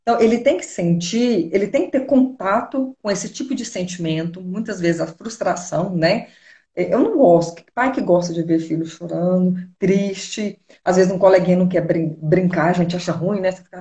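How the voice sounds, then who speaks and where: Brazilian woman psychologist, warm low-key voice, advising calmly, echoey room. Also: normal speed. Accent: Brazilian Portuguese. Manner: calm, advising, uses rhetorical questions. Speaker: psychologist guest. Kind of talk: explanatory conversation.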